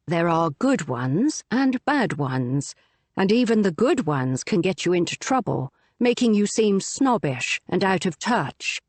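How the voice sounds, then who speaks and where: Woman narrating with a lively, varied pitch. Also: no room sound. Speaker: audiobook narrator. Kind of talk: scripted nonfiction narration.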